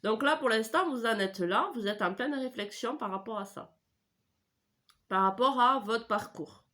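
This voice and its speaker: Full of hesitations and self-corrections, a middle-aged woman rambles through a casual tarot reading at home, talking into a desk mic despite a stuffy head cold. She speaks at normal speed in a little-high voice with a bright, forceful tone.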